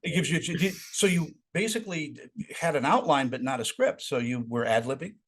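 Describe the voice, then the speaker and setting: A man's voice: fairly high pitch, animated, moderate pace, a bit bright. A man interviewing a guest, friendly and encouraging. He sometimes stumbles and restarts mid-question before landing it. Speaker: interviewer, host. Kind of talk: celebrity interview.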